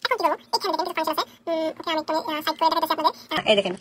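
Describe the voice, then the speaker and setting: A woman teaching a coding tutorial, talking fast and checking in with listeners after each step. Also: very high voice, sing-song, a bit bright, a little hiss or hum. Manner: rapid, keeps checking in with "okay?". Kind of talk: screen-recorded coding tutorial.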